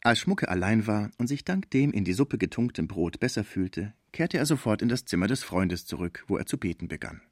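A man narrating an audiobook in a measured, even reading. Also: lowish voice, no room sound, clean studio sound. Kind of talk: scripted narration.

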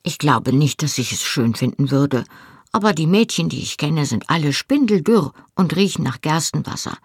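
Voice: mid-range voice, animated, normal speed, breathy edge, dry recording, studio quality. An audiobook reader voicing a small, curious young boy who asks questions hesitantly.

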